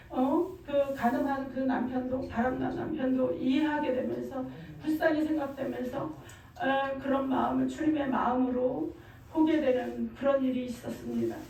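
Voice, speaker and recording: A woman's voice: sits high, creaky, warm tone, slight background noise. A middle-aged woman giving a fervent church testimony, emphatic and repeating her phrases. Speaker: testimony speaker. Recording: very echoey room, far from mic.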